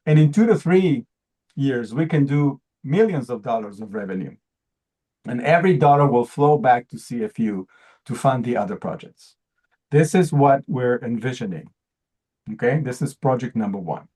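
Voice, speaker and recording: Pitching his project earnestly to an audience, a presenter whose first language is Hebrew keeps repeating words and restarting phrases mid-sentence while he searches for phrasing. His voice is middle-pitched, mellow, darker in timbre, and slightly rough, and the audio is poor.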